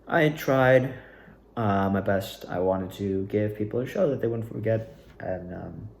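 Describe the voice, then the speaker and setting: A young man, an amateur actor and video maker, reflects casually and unscripted to his viewers, rambling hesitantly and often trailing off. His fairly low voice is creaky with a darkish tone and a measured pace. The room is echoey, with a little hiss or hum.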